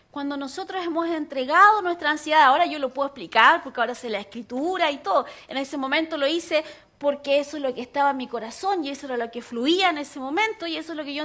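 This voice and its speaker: Bright high-voiced woman pastor. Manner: animated storytelling, acting out voices. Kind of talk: sermon with personal story.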